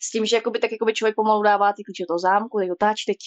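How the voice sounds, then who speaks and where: A woman's voice: medium pitch, steady tone, no room sound. A woman casually telling a spooky childhood story on a stream, rambling and constantly padding with filler words. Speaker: guest storyteller.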